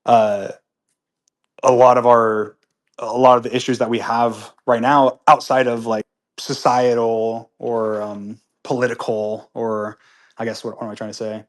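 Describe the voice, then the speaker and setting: A man of ordinary pitch hosts a live audio chat from home, answering listener comments off the cuff. He talks casually and earnestly, circling back on himself with plenty of fillers and restarts. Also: level tone, measured pace. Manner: rambling, with many restarts and fillers; upbeat and earnest when disagreeing. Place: at home with pets nearby.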